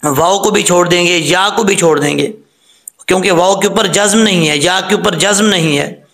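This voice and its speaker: A man's voice: high voice, fairly bright tone. A man teaching Quran reading with tajweed, spelling words out letter by letter and chanting the verses between explanations. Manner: spells out letters slowly, then recites them in a sung tone. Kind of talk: step-by-step tajweed lesson.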